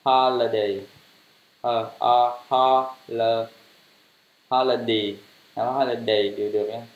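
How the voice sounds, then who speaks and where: A man teaching English pronunciation, spelling words letter by letter and repeating them louder. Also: mid-range voice, steady tone, takes it slowly. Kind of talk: pronunciation lesson. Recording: roomy, dull lo-fi sound.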